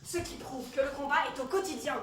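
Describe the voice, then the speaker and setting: A woman's voice: sits high, fairly quick, close to an everyday voice. A woman playing a haughty Marianne, the French Republic personified, lecturing citizens sarcastically in a comedy sketch. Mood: stern. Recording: roomy echo from a distance, faint noise.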